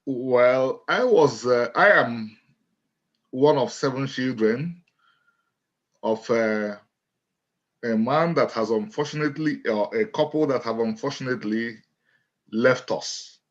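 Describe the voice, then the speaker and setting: A middle-aged Nigerian man with a Nigerian accent, speaking as an interview guest in a measured, deliberate way and restating his phrases. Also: mid-range voice. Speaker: guest, author and lawyer. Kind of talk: interview storytelling. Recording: dull lo-fi audio.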